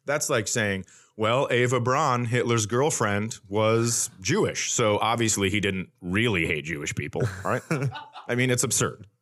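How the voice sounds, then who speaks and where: A comedian and podcast host in his forties tells stories in a casual comic style, his lowish voice unhurried and a bit bright. He acts out the dialogue with mock bravado.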